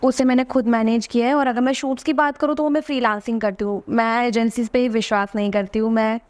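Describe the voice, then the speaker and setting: A woman's voice: fairly high pitch, fairly even intonation, fast talker. A young woman in her early twenties, a model and influencer, chatting confidently as a podcast guest and mixing English into her talk. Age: 20s. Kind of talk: casual interview chat.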